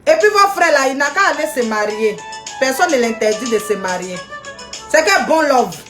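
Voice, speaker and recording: A woman's voice: high-pitched, lively intonation, normal speed, music in the background. A woman ranting indignantly on a live video stream, scolding people and greeting viewers by name.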